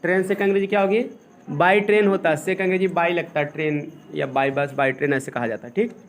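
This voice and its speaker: A man from India with a fairly high voice teaches a class, walking through grammar step by step and dictating English sentences slowly. He asks the class questions as he goes. Faint noise sits under the recording. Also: steady tone. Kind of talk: classroom lesson.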